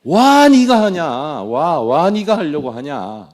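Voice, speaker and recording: A man voicing a blunt, gruff Lord who scolds in rough Gyeongsang dialect. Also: fairly high pitch, huge pitch swings, slow pace, pitched above the performer's own voice, full character voice. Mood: scolding. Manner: loud rough dialect rebuke.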